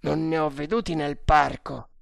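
A woman's voice: low-pitched, steady tone, normal speed, gravelly, dry recording, clean studio sound. A woman reading an adventure audiobook, voicing a drowsy male soldier who muses sleepily. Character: drowsy male sepoy soldier, plain-spoken.

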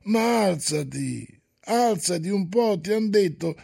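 A man voicing a stubborn, grumbling old manservant who keeps nagging and coaxing his master, in a husky, creaky voice. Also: high voice, animated, takes it slowly, warm tone, pitched above the performer's own voice, heavily acted.

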